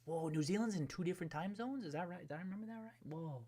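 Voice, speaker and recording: This livestream host, a man from New England, speaks rapidly in a high-sitting voice with a dark tone. He reads out viewer comments in relaxed chat, frequently starting over and trailing off.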